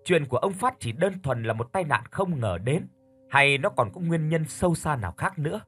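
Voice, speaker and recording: A man narrates a scripted horror story in a calm, measured way. His voice is husky with lively intonation, recorded close and dry with faint music underneath. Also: a little high. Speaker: audiobook narrator.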